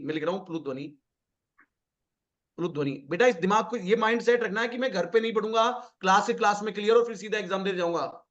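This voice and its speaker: A man's voice: high-pitched, fairly bright tone, muffled recording. A man teaching an online class, coaxing students, repeating each point and calling on them by name.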